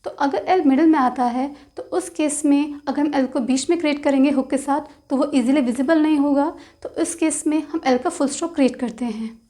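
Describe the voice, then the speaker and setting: A woman with a high voice teaches a shorthand lesson. She talks through each rule and slows right down to spell out the example words letter by letter. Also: warm tone. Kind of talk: explaining lesson.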